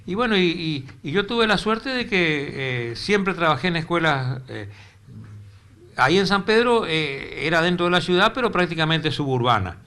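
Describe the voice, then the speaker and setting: A man's voice: a little high, lively intonation, moderate pace, bright, forceful tone. An older retired teacher from northeastern Argentina with a Corrientes accent, recalling his career in a rambling way that repeats words as he searches for them. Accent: Argentine Spanish, Corrientes. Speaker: retired teacher, interview guest. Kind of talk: casual interview. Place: local cable TV studio.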